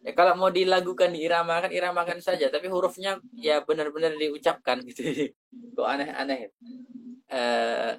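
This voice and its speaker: A man with a fairly high, fairly flat voice teaches Quran pronunciation, focusing on Arabic letters. He explains slowly, demonstrating each Arabic sound and then translating into Indonesian.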